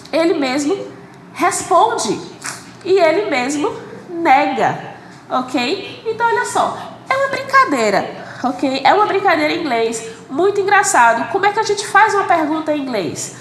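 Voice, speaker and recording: A woman's voice: high-pitched, a bit bright. A woman with a Brazilian Portuguese accent, an English teacher giving a recorded online lesson, who explains patiently and keeps checking with "ok?". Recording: echoey room with faint background noise.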